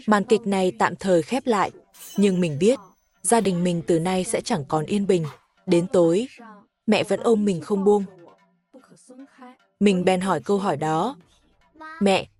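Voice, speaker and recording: A woman narrating the plot of a comedy cartoon in the first person, with steady, even storytelling. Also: medium pitch. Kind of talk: scripted narration of a cartoon recap.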